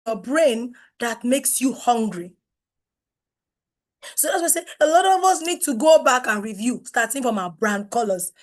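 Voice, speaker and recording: Speaking in a high, hoarse voice because she has lost it, a middle-aged Nigerian woman runs a live online workshop on branding. Her delivery is emphatic, packed with rhetorical questions, and marked by wide swings in volume.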